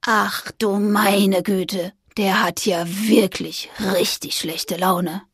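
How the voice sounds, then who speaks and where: A woman voicing a kind male ghost in a children's story, speaking slowly and gently. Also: mid-range voice, fairly even intonation, breathy edge, dry recording, clean studio sound, exaggerated voice. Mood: calm, gentle. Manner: slow, drawn-out, gentle.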